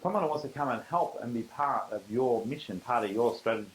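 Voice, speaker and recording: A man's voice: mid-range voice, animated, quick pace, a little hiss or hum, poor audio. A middle-aged man with an Australian accent, presenting a live business seminar in a conversational, emphatic way. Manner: conversational, emphatic, acts out quoted dialogue.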